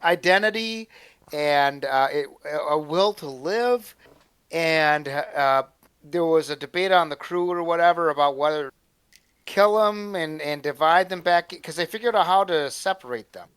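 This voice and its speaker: A man co-hosting a casual chat, rambling and halting as he talks. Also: a little high, a bit bright, clean tone, no room sound. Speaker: co-host.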